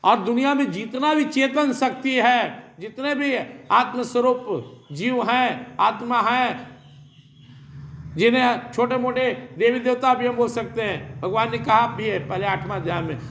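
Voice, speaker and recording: A man's voice: extremely high pitch, a little slow, a bit bright, reverberant, slight background noise. A man giving a spiritual sermon, reciting Sanskrit verses and explaining them with rhetorical questions and repetition. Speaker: spiritual teacher.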